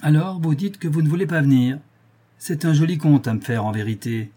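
A man reading the part of a hot-tempered young man, curt and forceful as he confronts his family. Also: fairly high pitch, brisk, slightly rough. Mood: angry, forceful.

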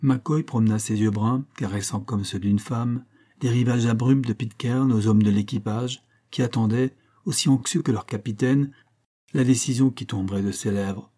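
A man narrating a novel in a measured, literary reading. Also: medium pitch, steady tone, mellow. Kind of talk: scripted narration.

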